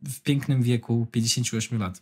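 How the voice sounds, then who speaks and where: A man's voice: mid-range voice, fairly even intonation, brisk, a little mellow, breathy edge. A young man co-hosting a casual podcast, bantering, swearing now and then and reading search results aloud. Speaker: podcast co-host. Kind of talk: casual chat.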